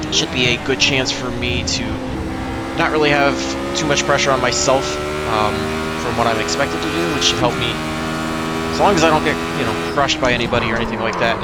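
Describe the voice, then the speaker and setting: Male sim racing host, low-key rambling self-critical commentary, heavy car engine roar behind the voice. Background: racing game engine noise.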